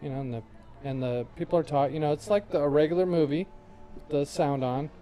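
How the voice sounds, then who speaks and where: A man's voice: fairly high pitch, brisk, highs cut off. Laid-back middle-aged podcast man. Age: 40s. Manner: laid-back, trails off with fillers. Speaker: podcast co-host. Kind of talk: casual chat.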